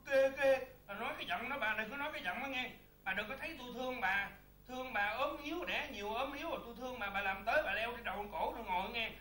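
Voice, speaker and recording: A woman's voice: a little high, fast talker, a bit bright, lightly acted. A woman playing an exasperated husband and father of many children who bickers with his wife in a comedy sketch. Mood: scolding. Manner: exasperated, sighing "trời ơi" complaints. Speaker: comic actor. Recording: echoey room with noise.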